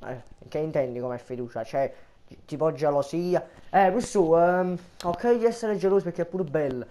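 A young man with a Neapolitan accent, performing a comedy sketch in rapid, teasing banter. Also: on the high side, dark tone.

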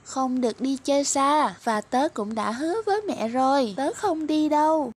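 Woman doing a young bunny, childlike and higher, storybook reading. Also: expressive, normal speed. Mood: firm. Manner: childlike, bright and raised. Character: little disobedient young bunny.

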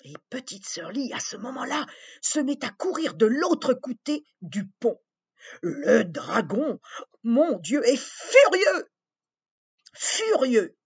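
A woman reads a children's story aloud, slow and gentle, addressing her young listeners. Her pitch swings widely and her voice is a little husky. The recording is dull and lo-fi. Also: very animated.

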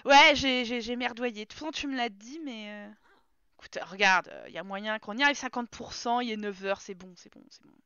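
Woman streamer, high bright voice, chatty live play-by-play, talks to her characters. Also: fairly quick, clean tone, no room sound, lo-fi sound. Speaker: game streamer. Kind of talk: casual live gameplay commentary.

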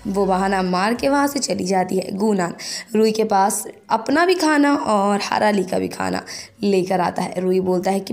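A woman's voice: medium pitch, a little mellow. A woman narrating a drama recap in a plain storytelling way, dropping English words in as she goes. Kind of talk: scripted plot recap narration.

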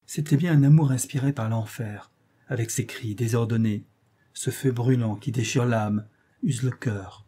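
Dark, husky-voiced male narrator. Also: mid-range voice. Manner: measured, expressive reading. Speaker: audiobook reader. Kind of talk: scripted literary narration.

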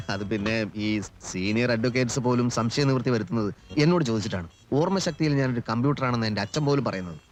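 An actor playing a boastful young male lawyer who speaks in a measured, self-satisfied way. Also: medium pitch, close to an everyday voice. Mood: smug. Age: young adult. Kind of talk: 1980s film drama.

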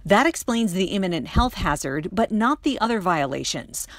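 Dry crisp woman news reporter. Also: medium pitch, normal speed, no echo. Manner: crisp, steady report delivery. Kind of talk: scripted news voice-over. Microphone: studio voice-over mic.

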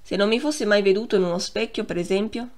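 A woman narrating a novel as an audiobook reader, in a measured, expressive reading that slows down on key phrases. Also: mid-range voice. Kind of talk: scripted literary narration.

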